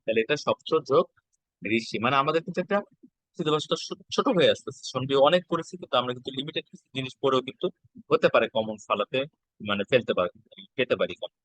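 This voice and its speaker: A man's voice: mid-range voice, animated, quick pace, a bit bright, no room sound, low-quality recording. A male teacher, giving an exam-prep lesson and patiently repeating each step.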